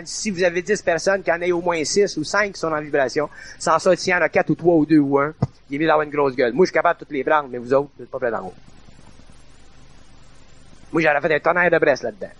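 A man's voice: on the high side, fairly even intonation, racing, fairly bright tone. A middle-aged man with a Quebec French accent giving an informal, emphatic spoken lecture, repeating and rephrasing his points in colloquial speech.

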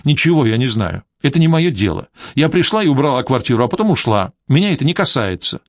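A man's voice: mid-range voice, sing-song, quick pace, no room sound, clean studio sound, voice pushed up. A man reading an audiobook, voicing a stubborn, secretive older woman housekeeper who grumbles and refuses curtly. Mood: stubborn, irritated.

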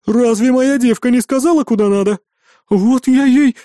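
A man putting on a hulking tavern keeper woman with a big, booming voice that spills over with feeling. She sits well above his usual pitch, and the sound stays dry and close. It is a storybook voice. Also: fairly quick, warm tone, no echo, close to an everyday voice. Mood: stern. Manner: booming, gushing, then stern. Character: mighty loud effusive innkeeper woman. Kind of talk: audiobook character voice.

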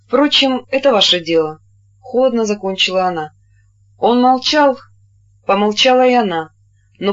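An audiobook narrator reading a novel in a measured, even storytelling manner, on a dull lo-fi recording. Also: mid-range voice. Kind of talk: scripted narration.

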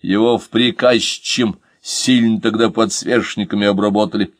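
A man reading an audiobook and voicing a gruff former police officer. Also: fairly low pitch, steady tone, moderate pace, no echo, clean studio sound, natural voice. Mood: grumbling.

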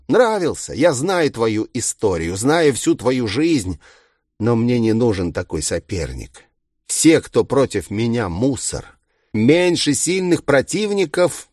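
A man's voice: medium pitch, darkish tone, no echo, clean studio sound, pitched above the performer's own voice. A man voicing a gleeful, mocking murderous villain in a taunting, singsong manner. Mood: gloating. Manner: taunting, singsong, cruelly playful.

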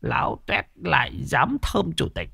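A man's voice: on the low side, huge pitch swings, a little slow, no echo, clean studio sound, heavily acted. A man voicing a crude, drunken, boastful old village man who curses and shrieks. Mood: shrieking disgust. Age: older.

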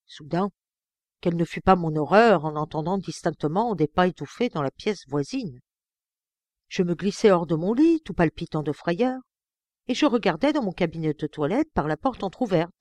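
Woman audiobook reader, calm expressive reading, close mic, dry sound. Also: lowish voice, normal speed, no echo. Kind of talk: audiobook narration.

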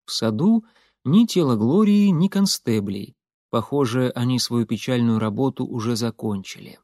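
A man narrating an audiobook in the first person, telling the story in a lively, expressive way. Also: mid-range voice, moderate pace, dry recording. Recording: dry close studio sound.

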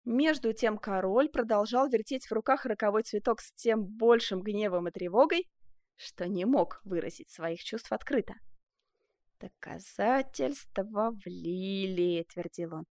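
A woman reading a historical novel aloud as an audiobook narrator, in an even, expressive storytelling manner. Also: fairly high pitch, normal speed, no echo, clean studio sound. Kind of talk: scripted literary narration.

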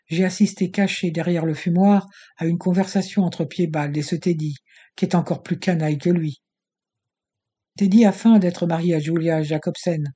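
Male reader as composed gentleman, polite, dark and husky, audiobook. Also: a little high. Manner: measured, polite address. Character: courteous, composed gentleman, man, calm and gracious. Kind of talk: audiobook character reading.

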